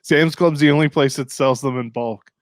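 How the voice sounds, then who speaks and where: A man's voice: mid-range voice, moderate pace, dry recording. Man hosting a podcast, dry close sound. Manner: joking, teasing, laughs often. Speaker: podcast host. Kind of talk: casual chat.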